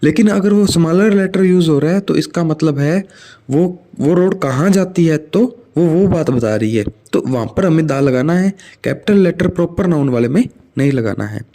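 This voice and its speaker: A man's voice: on the high side, expressive, moderate pace, warm tone. A man with an Indian accent teaching English grammar in a lecture, explaining rules in Hindi and reading out English example sentences. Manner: mixes Hindi with read-out English examples, addresses viewers as "saathiyon".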